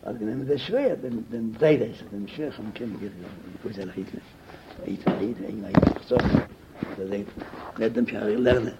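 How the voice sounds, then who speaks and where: An older man telling his memories in an interview, in halting, fragmented speech that keeps repeating words, on a muffled, hissy lo-fi tape. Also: fairly low pitch. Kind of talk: oral history interview. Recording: muffled lo-fi tape with loud hiss.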